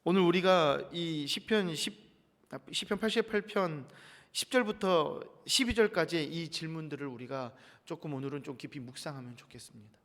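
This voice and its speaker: A pastor with a high, light voice delivers an earnest dawn sermon, lifting his tone when he reads scripture aloud. His words ring out with a long church reverb trailing behind each phrase. He speaks as a man leading his congregation in prayerful reflection. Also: animated, normal speed, fairly bright tone. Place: church sanctuary.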